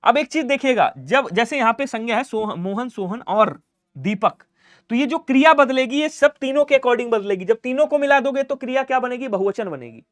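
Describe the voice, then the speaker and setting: A male Hindi teacher giving an exam-prep lesson, quizzing students with repeated questions and trailing off softly at the end of each point. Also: very high-pitched, lively intonation, fairly quick, few pauses, no room sound.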